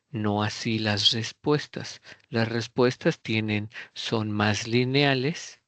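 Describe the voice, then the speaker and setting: A middle-aged man, teaching an online English class, explaining and modelling question intonation at an unhurried pace. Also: on the low side, a bit bright, dry recording. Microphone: computer mic on a video call.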